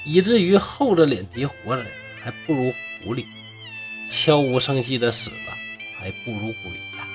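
A man narrating a classical ghost tale with a lively storytelling manner, stretching out his particles. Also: medium pitch. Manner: lively, drawn-out sentence-final particles.

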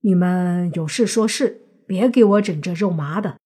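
A woman voicing a cocky, lazy young man who talks in a dismissive, cool way, husky-toned. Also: fairly low pitch, moderate pace, mellow.

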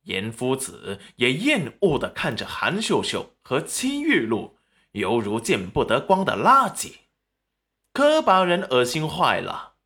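A man narrating a web novel audiobook in a dramatic, animated manner. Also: mid-range voice, slow.

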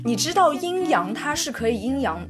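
A woman's voice: sits high, big pitch swings, over music. Playful, teasing woman podcast co-host. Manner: playful, teasing, quick to laugh. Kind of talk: casual chat.

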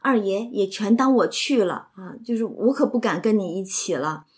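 Woman reading a sulky teary young lady, husky, reproachful. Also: medium pitch, lively intonation, moderate pace. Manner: hurt, reproachful. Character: tearful, sulking young noblewoman.

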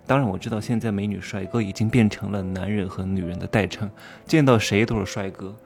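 Gravelly low-voiced man, provocative monologue. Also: steady tone, brisk, darkish tone. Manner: provocative, rhetorical questions, teasing. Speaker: self-styled commentator. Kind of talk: casual monologue commentary.

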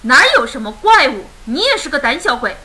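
A woman's voice: high voice, sing-song, brisk, bright, forceful tone, husky, full character voice. A woman playing a grumpy father bear. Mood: impatient. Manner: impatient, scolding. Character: gruff, grumpy father bear who hides his fear.

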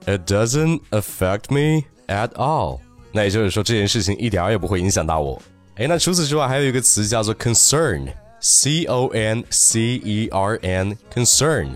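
A man teaching English phrases, who asks the listener questions and slows right down to say each English example with care. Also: medium pitch. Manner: switches into slow, careful English for example phrases. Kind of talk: recorded language lesson.

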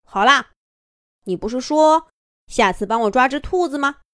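A woman's voice: sits high, animated, normal speed, a bit bright, dry recording, clean studio sound. A woman voicing a cool, aloof young male wolf from a children's story, speaking in a cold, dismissive way.

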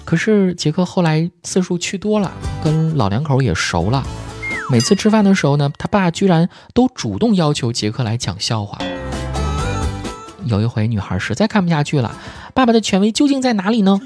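A male comedy host tells stories in a playful, scripted style. His pitch swings about with a lively, animated bounce. Clear background music runs under his voice. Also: normal speed. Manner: playful, animated joke-telling. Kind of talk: scripted comic storytelling. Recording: music bed behind voice.

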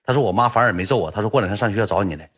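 Husky man, fast talker, northeastern mandarin accent, young adult, blunt slangy livestream storytelling. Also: lowish voice, fairly bright tone.

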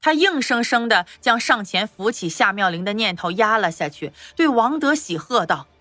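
A woman giving expressive scripted narration for a palace audio drama. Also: a little high, moderate pace, dry recording.

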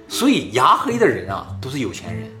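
A man hosting and telling old tales in a casual fireside storytelling manner, pausing for explanatory asides. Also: mid-range voice, wildly swooping pitch, pushed and bright, soft background music. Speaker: host and storyteller.

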